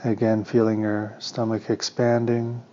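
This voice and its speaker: With a fairly low voice, a man teaching meditation talks listeners through a guided session, his instructions soothing, calm and unhurried, with pauses between them. The audio is slightly muffled, and there is a little background noise.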